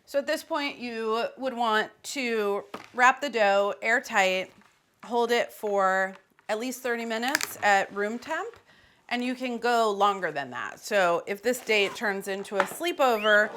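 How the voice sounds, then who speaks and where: A woman's voice: medium pitch, unhurried, fairly bright tone, a little hiss or hum. A woman hosting a casual cooking demonstration in a kitchen, chatty and playful, with loose, offhand phrasing. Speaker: cooking host. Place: home kitchen.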